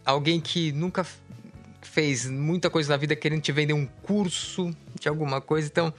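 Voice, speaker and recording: A man's voice: on the high side, fairly even intonation, normal speed. A man co-hosting a radio music show, chatting easily and correcting himself as he thinks aloud. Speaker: radio host. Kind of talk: casual radio chat introducing songs.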